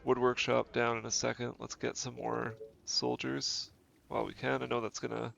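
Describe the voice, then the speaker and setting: Over faint game music and dull lo-fi stream audio, a man narrates his gameplay in a relaxed, casual way, thinking out loud and correcting himself, his nose stuffy from a cold. He speaks at a moderate pace in a monotone, medium-pitched voice that is creaky and a bit bright.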